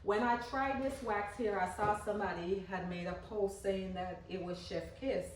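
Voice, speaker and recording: A woman from Guyana speaks at a moderate pace in a mid-range voice with fairly even intonation, casually showing candle making in her home garage. Chatty while she works, she tends to loosely repeat herself. A little hiss or hum sits under the echoey, distantly miked audio, alongside passing cars and a mowing lawn.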